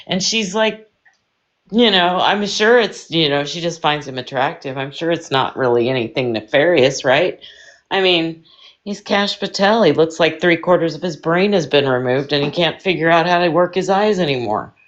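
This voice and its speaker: A panel caller rambles through casual political chat with a sarcastic edge. The voice comes over a dull, lo-fi online call at a mid-range pitch. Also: normal speed, a bit bright. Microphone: online audio call.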